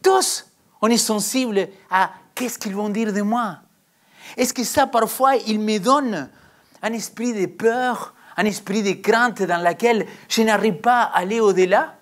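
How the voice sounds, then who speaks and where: A woman's voice: medium pitch, measured pace. A woman preaching a sermon in a questioning, reflective way, drawing out her phrases.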